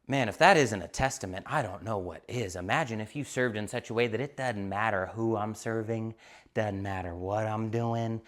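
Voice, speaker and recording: A man preaching a sermon as pastor, swinging from loud, emphatic declarations to quiet, conversational storytelling. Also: moderate pace. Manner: preaches loudly with high-pitched emphatic peaks, then drops to quiet storytelling. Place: church stage.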